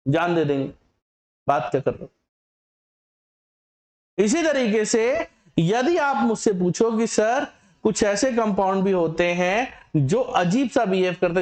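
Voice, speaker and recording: High-voiced male teacher in echoey classroom. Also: lively intonation, measured pace, a little mellow. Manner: asks the class questions and answers them himself, teasing and scolding. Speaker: chemistry teacher. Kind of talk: lively classroom lecture.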